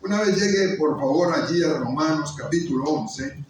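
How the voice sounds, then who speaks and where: A man in his fifties preaching a sermon, earnest and pleading, with slow emphatic pauses. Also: on the high side, far from the mic. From Colombia. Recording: very echoey hall, voice off-mic, faint noise.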